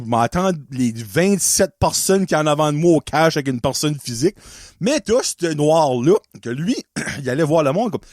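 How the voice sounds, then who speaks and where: A man with an Acadian French accent and a voice on the high side hosts a podcast in casual chat, rambling, swearing freely, and drifting off on tangents. The studio-quality recording has no echo.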